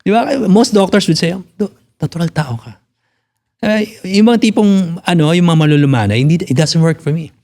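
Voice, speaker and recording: A man's voice: sits high, fairly quick, hardly any pauses, a little mellow. A Filipino physical therapist in his forties, talking bluntly in a casual podcast conversation, swearing freely and mixing in English. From Philippines.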